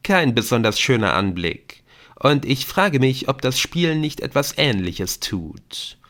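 A man's voice: medium pitch, sing-song, measured pace, a bit bright, voice pushed up. A male audiobook reader voicing a playful, theatrical adult man who loves riddles and teases with mock drama. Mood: theatrical, explaining. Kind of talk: audiobook character voice.

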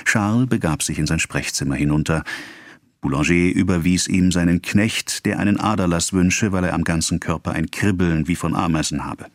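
Deep-voiced male audiobook narrator. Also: dry recording, clean studio sound. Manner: even, measured reading.

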